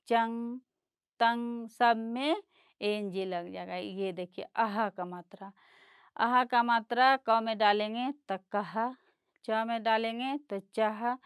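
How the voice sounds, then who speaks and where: A woman's voice: on the high side, smooth, no room sound, studio quality. A woman teaching a primary class, patiently spelling out letters and sounds one at a time and mixing English words into her lesson. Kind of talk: slow classroom lesson explaining a chart.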